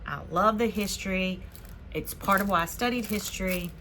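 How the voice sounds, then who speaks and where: A woman from Spain hosting a casual haul vlog, chatting excitedly as she unboxes her purchases. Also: medium pitch, normal speed, a little hiss or hum. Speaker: vlog host.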